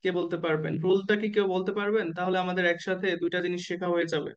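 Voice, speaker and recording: High-voiced man teaching an online class. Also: steady tone, clean tone, lo-fi sound. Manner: asks the class questions and waits for answers; slow, drawn-out spelling of letters and abbreviations. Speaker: nursing admission exam tutor.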